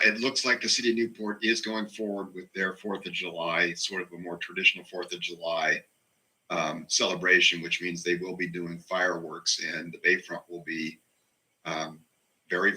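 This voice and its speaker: A very low-pitched man talks in an informal meeting, stopping and restarting as he goes. His voice has a very bright, tense edge. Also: little pitch movement, moderate pace, poor audio. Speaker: meeting participant.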